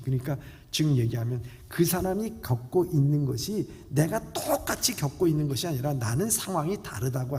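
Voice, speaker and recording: A male pastor preaching a sermon in a church. He is emphatic and swings from loud lines to soft ones. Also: medium pitch, slight background noise. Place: church sanctuary. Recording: reverberant church hall.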